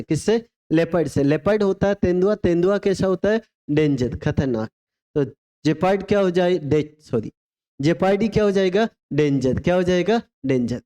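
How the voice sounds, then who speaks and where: Man drilling vocabulary in a mellow voice. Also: sits high. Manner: call-and-response drilling, spells words letter by letter; asks rhetorical questions then answers them. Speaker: English teacher. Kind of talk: exam vocabulary lesson.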